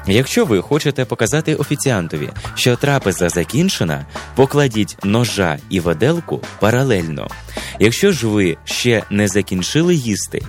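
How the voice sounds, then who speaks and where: Lower-voiced man giving a scripted lesson. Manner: measured, didactic, stretches words slowly for emphasis. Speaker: presenter of a language and etiquette program. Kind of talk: scripted educational narration.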